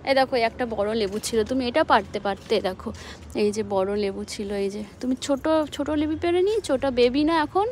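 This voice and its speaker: A young woman with a high voice speaks to her toddler in a sing-song, coaxing tone. She is recorded outdoors on a rooftop garden, with faint background noise underneath. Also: animated, quick pace, a little mellow. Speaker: mother and vlogger. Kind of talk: talking to a toddler while filming.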